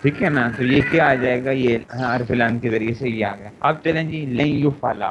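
A man with a Pakistani Urdu accent teaches grammar in an online class, repeating each word and conjugation slowly. His voice comes through a dull, lo-fi chat connection with a faint hiss behind it. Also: medium pitch. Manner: repetitive, drilling word pronunciations and conjugations. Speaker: teacher of Arabic morphology. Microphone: internet voice chat room.

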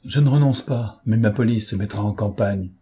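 A man's voice: on the low side, moderate pace, mellow, slightly rough. A man voicing a stern, imperious emperor in an audiobook, speaking in curt commands. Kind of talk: audiobook character reading.

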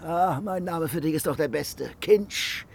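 A man's voice: fairly high pitch, measured pace, creaky, a little hiss or hum. An actor playing a boisterous young man who teases his friend and mocks priestly sermons, speaking with theatrical flair in a radio drama. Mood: scornful. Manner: mock-preaching, teasing, theatrical.

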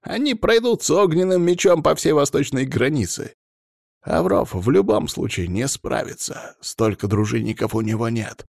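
A man voicing a furious, domineering old male clan head who yells and scolds down the phone. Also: mid-range voice, sing-song, moderate pace, creaky, no room sound, clean studio sound, voice pushed up, heavily acted. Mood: furious scolding.

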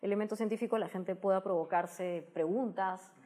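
This interview guest, a science communicator, has a medium-pitched, dark-toned voice that stays steady at normal speed. With a Peruvian Spanish accent, she explains things conversationally, often finishing phrases with a tag question.

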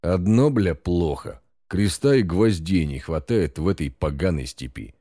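A man voicing a drunk, coarse thug in a gang, yelling and swearing. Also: deep voice, expressive, unhurried, no echo, studio quality, full character voice. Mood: excited. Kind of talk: audiobook character voice.

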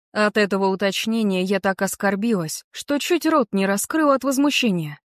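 A woman narrating a novel in the first person, telling it calmly and confidingly. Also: mid-range voice, dry recording, clean studio sound. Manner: calm, confiding storytelling. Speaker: audiobook narrator.

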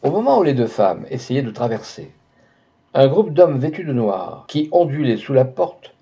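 A man reading a novel aloud in an even, measured narration. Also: mid-range voice, muffled recording. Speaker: audiobook reader.

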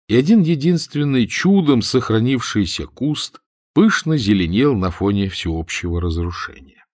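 A man narrating humorous prose as an audiobook reader, telling it with expressive irony. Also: medium pitch, dry recording, studio quality. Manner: expressive, ironic storytelling.

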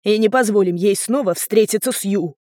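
Woman reader doing an angry shouting dad, harsh and stern, audiobook. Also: mid-range voice, fairly quick, no room sound, studio quality, lightly acted. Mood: grim. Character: furious stern father, middle-aged man.

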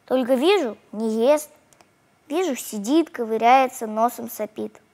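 A woman reading a children's story aloud in the first person, expressive and animated. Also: fairly high pitch, measured pace.

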